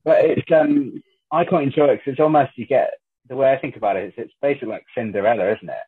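A man's voice: mid-range voice, fast, breathy edge. A man in a casual film discussion, chatty, often hedging with tag questions. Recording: phone-like remote line.

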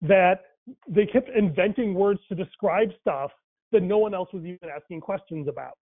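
A man with a high-pitched voice, whose first language is Tamil, talks at a moderate pace about faith and language. His casual, thinking-aloud style is full of fillers and false starts, heard through a dry, tinny phone-like connection.

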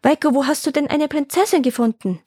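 A woman voicing a gentle, jovial old farmer father in a storybook fairy tale, hearty and good-natured. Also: high-pitched, brisk, no room sound, clean studio sound, lightly acted.

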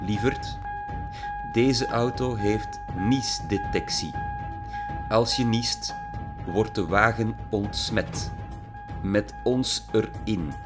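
A man voicing a wealthy father in an audiobook, speaking in a dry, measured and sardonic manner. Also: low voice, lively intonation. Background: background music.

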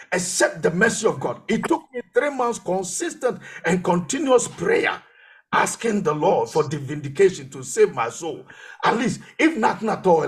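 A man pastor preaching a sermon, telling his own testimony and repeating phrases for emphasis. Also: sits high.

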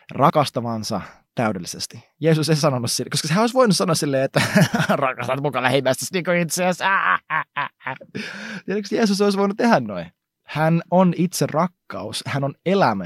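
A man delivers a relaxed devotional talk in an easy, chatty way. His pitch rises and falls a lot as he acts out small asides while retelling stories. The recording is close and dry, with no room sound. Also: dry recording. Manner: conversational, slangy, animated retelling with acted asides. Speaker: preacher. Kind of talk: casual devotional teaching.

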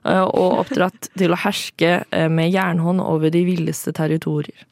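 Hesitant young woman with a gravelly voice. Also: lowish voice, little pitch movement, darkish tone, dry recording, clean studio sound. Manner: hesitant, many fillers and laughs. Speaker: radio co-host. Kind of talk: casual radio chat.

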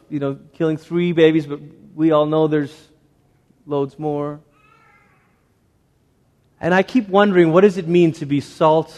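A man's voice: fairly high pitch, darkish tone. A man preaching an evangelical sermon as a pastor, exhorting his congregation with rhetorical questions and short repeated phrases. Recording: reverberant hall.

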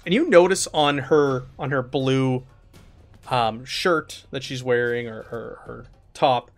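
A man's voice: mid-range voice, slow, soft background music. A man running a tabletop game as game master, narrating casually with lots of fillers and laughs. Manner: relaxed, filler-heavy, laughs often.

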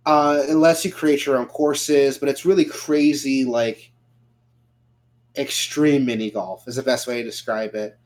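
A man chatting through game news on a podcast in an easygoing, profane way. He leans on "um" and "like" as he goes, with a middle-pitched everyday voice. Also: fairly even intonation, a little slow, a little mellow. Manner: casual, swears freely, lots of fillers. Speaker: podcast co-host. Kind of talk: casual gaming news chat.

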